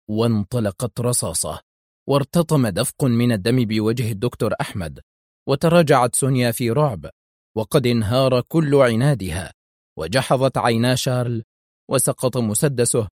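A male narrator reading a thriller audiobook in a measured, suspenseful way. His voice sits at an ordinary middle pitch. The recording is dry and close, with no room sound. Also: a little mellow, no echo.

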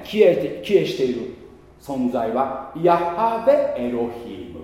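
A male pastor delivers a sermon with a fairly high, animated voice that leaps up and drops away. He keeps tossing rhetorical questions to the congregation between casual asides, and his words ring through a large, echoey hall with a long reverb tail.

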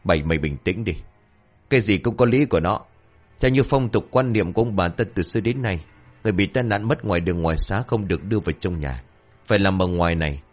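A man's voice: deep voice, quick pace, faint music behind. Man doing a stern old clan elder. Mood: admonishing. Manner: calm, admonishing.

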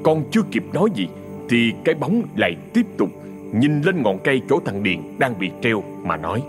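A man narrating an audio ghost story in an expressive, dramatic storytelling manner. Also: medium pitch, normal speed, music in the background.

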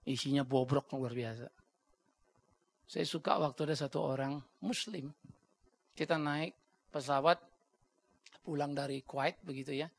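A man's voice: fairly high pitch, fairly even intonation, measured pace, creaky, pauses often, husky. A man preaching a sermon bluntly and with energy, acting out the voices he quotes and dropping English words into his talk. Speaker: pastor.

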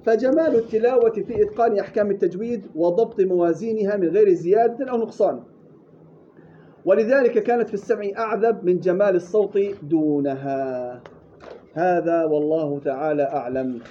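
A man teaching Quran recitation rules, demonstrating words slowly and correcting mistakes curtly. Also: high voice, warm tone. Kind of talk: tajweed lesson with drills and reading aloud. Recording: dull lo-fi recording with faint hiss.

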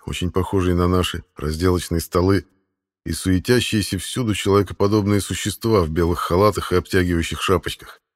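A man reading an audiobook in a measured, even narration. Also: sits low. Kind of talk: scripted narration.

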